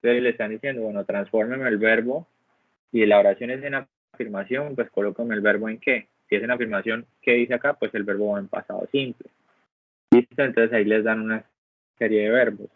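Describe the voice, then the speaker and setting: Teaching English grammar online, this man speaks briskly in a fairly low, steady voice. He patiently breaks each point down step by step and keeps checking on the class with "¿listo?". Captured over a video call, the sound is dry and phone-like, with no room sound.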